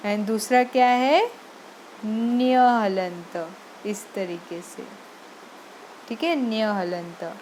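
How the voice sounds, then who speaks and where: Slow, patient high-voiced woman teacher. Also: a little hiss or hum, low-quality recording. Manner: patient, spells out syllables slowly, mixes English words into Hindi. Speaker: Sanskrit teacher. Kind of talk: online lesson.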